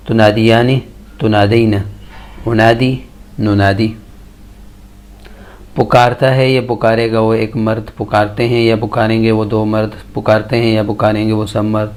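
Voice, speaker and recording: Male grammar teacher, low and monotone, steady list-chanting delivery. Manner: chants verb conjugation tables in steady measured lists. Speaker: Quran and Arabic grammar teacher. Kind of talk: slow recited grammar lesson.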